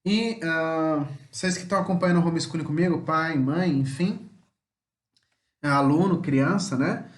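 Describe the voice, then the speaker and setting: Man, Brazilian Portuguese accent, homeschool teacher, chatty, tag questions, slow sounded-out words, roomy echo. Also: on the high side. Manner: chatty, many tag questions, slow deliberate word examples. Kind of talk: homeschool language lesson.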